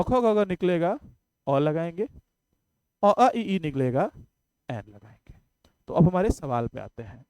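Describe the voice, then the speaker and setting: A man's voice: high voice, a little mellow, no echo. A man teaching English grammar in an exam-prep lecture, chatty and jokey, asking the class questions and then answering them himself.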